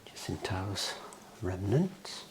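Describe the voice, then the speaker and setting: A person in a whispered role-play as a calm librarian, murmuring to themselves in a breathy whisper while reading things out. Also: low voice, slow, background noise. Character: calm librarian sorting book orders. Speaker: ASMR performer playing a librarian.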